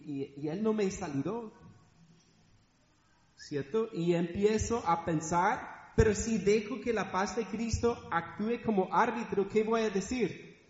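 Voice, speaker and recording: A man's voice: high voice, a little mellow. A middle-aged man preaching a sermon in a church hall, asking the congregation rhetorical questions. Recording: echoey hall, dull sound.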